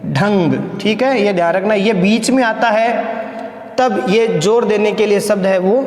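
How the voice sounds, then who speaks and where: A man teaching a college grammar lesson, patient and repetitive, often checking in with his students. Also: high-pitched. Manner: patient, repeats words slowly with many check-ins. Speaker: college Hindi lecturer. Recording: echoey room with long reverb.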